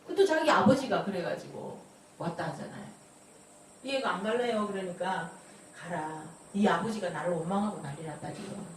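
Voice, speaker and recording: A woman's voice: fairly high pitch, slight background noise. A woman telling folksy testimony stories as a Bible study teacher. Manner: animated, folksy storytelling with frequent laughs. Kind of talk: storytelling testimony sermon. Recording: very echoey room, distant mic.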